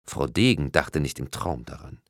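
A man reading a first-person crime story aloud in a dry, deadpan manner. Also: a bass voice, moderate pace, no room sound. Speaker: narrator. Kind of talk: audiobook narration.

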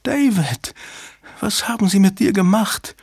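A desperate young woman in a thriller audiobook, as a male reader puts her on, calling out in high, stammering cries. Her voice is pitched well above his own, and the recording is close and dry. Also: lively intonation, a little slow, creaky, darkish tone, husky, no room sound, full character voice. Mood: anguished.

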